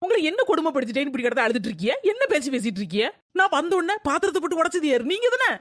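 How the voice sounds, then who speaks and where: A woman's voice: high voice, big pitch swings, very fast, no echo, studio quality. A woman playing an indignant young daughter-in-law in a family skit, arguing back against her mother-in-law. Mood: angry. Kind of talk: family quarrel skit acting.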